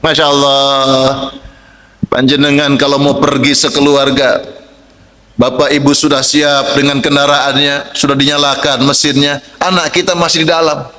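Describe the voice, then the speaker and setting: Male preacher, high bright voice, echoey room; dynamic sermon delivery, soft asides to loud calls. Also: flat delivery. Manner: chants Quranic verses slowly.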